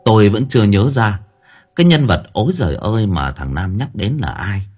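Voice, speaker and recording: Low husky guy reading an audiobook, swings up and down a lot. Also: moderate pace, soft background music. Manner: dramatic, expressive, stammering in tense dialogue. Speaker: audiobook narrator. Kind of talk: first-person story narration.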